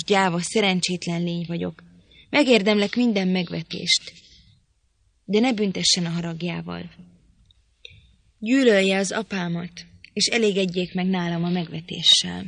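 A woman's voice: on the low side, gravelly, fairly bright tone, no echo. A woman reading the part of a frail, frightened teenage boy who pleads, sobs and gasps for breath in an audiobook. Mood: pleading. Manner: sobbing, begging, breathless.

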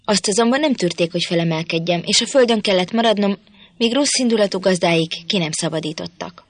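Woman reading a novel, gravelly voice. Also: medium pitch, dry recording. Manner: steady storytelling. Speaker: audiobook reader. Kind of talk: scripted narration.

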